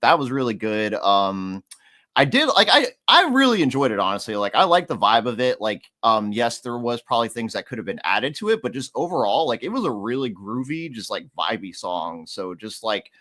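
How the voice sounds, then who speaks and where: A man's voice: mid-range voice, sing-song, moderate pace, bright, forceful tone. A man on an online call giving enthusiastic, casual feedback on a song, with lots of "like" filling his sentences. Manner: enthusiastic, peppered with "like". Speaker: music reviewer. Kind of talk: casual review chat on a live stream.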